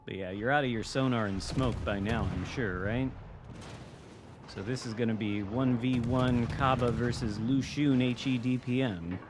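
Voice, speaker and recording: This Michigan-accented American streamer talks at normal speed in a mid-range voice, his commentary casual, dry and occasionally profane. Game artillery and gunfire add background noise.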